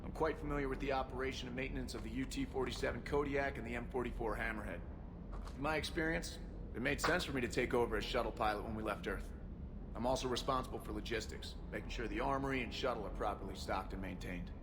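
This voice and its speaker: An actor playing an earnest, dutiful male shuttle pilot who speaks calmly and formally. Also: medium pitch, fast talker, lightly acted. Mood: steady. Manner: calm, even, formal military delivery. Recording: game audio with ambient noise behind.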